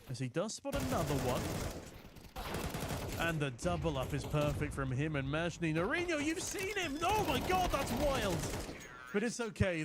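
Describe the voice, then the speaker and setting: A man from the UK casting a community tournament live, chatty and getting excited on big plays, while reading out viewer chat. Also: fairly high pitch, background noise. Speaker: esports caster.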